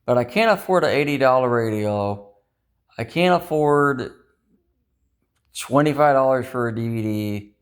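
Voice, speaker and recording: Speaking in a smooth, mid-range voice, a male vlogger delivers a rambling, personal confession to the camera. He's down and upset, swearing a lot as he vents frustration at himself.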